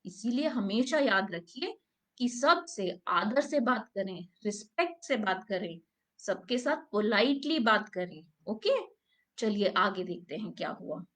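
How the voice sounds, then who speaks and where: A woman teacher telling a story to young children, gently asking them questions along the way. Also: mid-range voice, lively intonation, a little slow. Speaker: preschool teacher.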